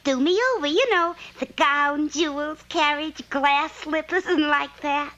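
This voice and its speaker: A woman's voice: high voice, steady tone, unhurried, sharp tone, dull audio. A woman playing a brassy young cartoon Cinderella, a drudge turned saleswoman, blunt and slangy. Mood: eager. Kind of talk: comic cartoon voice acting.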